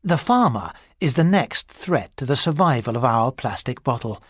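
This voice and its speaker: Dry close-mic narrator doing a spoof wildlife doc voice, measured and deadpan serious, middle pitch. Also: slightly rough, no room sound. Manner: mock-serious, measured documentary delivery. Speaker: narrator of a listening exercise. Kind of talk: mock nature documentary narration.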